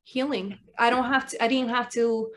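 A woman's voice: a little high, steady tone, normal speed, a bit bright. A woman in her late thirties from Russia speaks from her living room over a laptop webcam. She rambles loosely as a guest healer and keeps padding her sentences with fillers. Her tone is casual and conversational. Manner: rambling, full of fillers like "like" and "you know". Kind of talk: casual video-call interview. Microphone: laptop webcam on video call.

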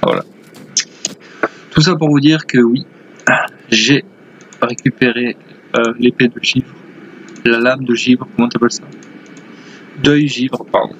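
A man's voice: medium pitch, steady tone, unhurried, pauses often, fairly bright tone, dull audio, slight background noise. Chatty man commenting on a game. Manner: rambling, chatty. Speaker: gaming video host. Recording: faint game ambience behind voice. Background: video game sounds.

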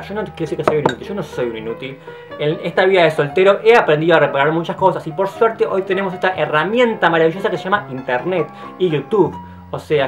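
Un hombre de veintitantos años con acento rioplatense, en un monólogo casual de vlog; habla muy rápido, efusivo y juguetón, se corrige y repite palabras, y a veces baja a comentarios suaves. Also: male voice. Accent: Rioplatense Spanish. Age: 20s. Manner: very fast, tumbling talk with restarts and repeated words; effusive and playful, often trailing into low, soft asides. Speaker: vlogger. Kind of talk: casual monologue to camera. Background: faint guitar music.

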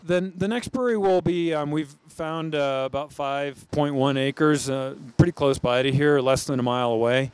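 A man's voice: on the high side, normal speed, few pauses, clean tone, dry recording. A middle-aged American man, a brewery founder, being interviewed on a brewery floor with a handheld mic. He answers thoughtfully and often restarts his sentences. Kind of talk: on-camera interview. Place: large brewery floor among steel tanks.

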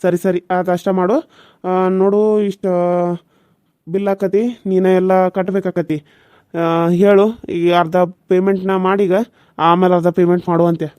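A man voicing a calm, businesslike village doctor who reassures matter-of-factly, with a North Karnataka Kannada accent. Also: high-pitched, moderate pace, long pauses, no room sound, natural voice. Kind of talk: cartoon voice acting.

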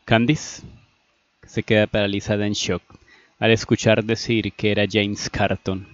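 Hombre narrando un cuento, pausado. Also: male voice, fairly low pitch, little pitch movement, no echo, muffled recording. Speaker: storyteller. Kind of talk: reading a fan story aloud.

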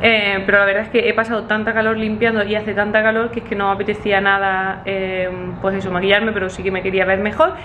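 A woman's voice: mid-range voice, level tone, fairly bright tone, slight background noise. A woman in her thirties from Spain with a Spanish accent, chatting casually to a handheld camera at arm's length in her daily vlog. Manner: chatty and fast, lots of "súper" emphasis. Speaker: vlogger. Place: outdoors on streets, then small apartment indoors.

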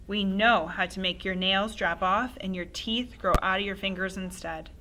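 A woman's voice: medium pitch, moderate pace, bright, forceful tone, a little hiss or hum, close to an everyday voice. A woman reading aloud and voicing a sinister old grandmother who seems to be a witch, relishing and wheedling by turns. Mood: throaty whisper. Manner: relishing, wheedling, then throaty whispering.

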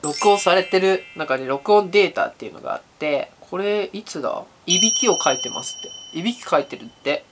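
A man's voice: high voice, lively intonation, fairly quick, hardly any pauses. A young man chatting casually to the camera as a vlogger in a small room at home. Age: young adult. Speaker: vlogger testing an app. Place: small home room with desk and acoustic foam. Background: background music with guitar.

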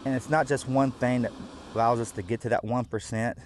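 A man's voice: mid-range voice, steady tone, fairly quick, a little hiss or hum. A middle-aged man, a farmer speaking practically in an on-camera interview outdoors, with fillers. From United States.

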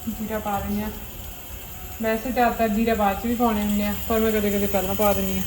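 A woman's voice: medium pitch, level tone, fast talker. A young woman chatting casually and expressively as she vlogs her cooking at home. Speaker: family vlogger. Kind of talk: casual chat while cooking. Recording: roomy echo, faint background noise.

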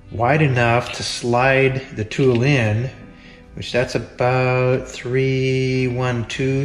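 A man in his forties giving plain, practical step-by-step welding instruction in a large metal workshop. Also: mid-range voice. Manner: practical, plain-spoken, explains each step. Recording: echoey workshop with faint music.

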